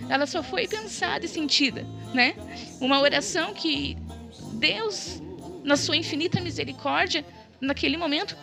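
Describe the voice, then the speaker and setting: A woman pours out a fervent church testimony. She speaks with deep emotion and keeps checking in with a quick "né?". Clear background music plays under her voice. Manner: fervent, tearful in tone, keeps tagging "né?". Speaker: guest giving a church testimony.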